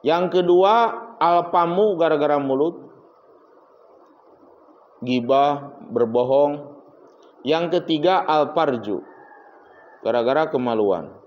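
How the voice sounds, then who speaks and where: Male kitab teacher, storytelling preacher, slightly high voice, dull lo-fi recording. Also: lively intonation, takes it slowly, long pauses. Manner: storytelling preacher, acts out dialogue, swings between loud and hushed asides. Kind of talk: religious study lecture.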